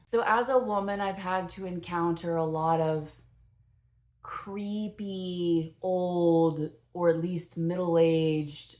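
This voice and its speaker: A young woman talks through her first impressions of a film in a loose, rambling vlog style, filling gaps with "um" and "like" and correcting herself as she goes. Her voice sits a little low for a woman. She speaks slowly and without hurry. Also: steady tone, darkish tone. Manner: chatty and rambling, with many fillers and self-corrections. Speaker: movie reviewer.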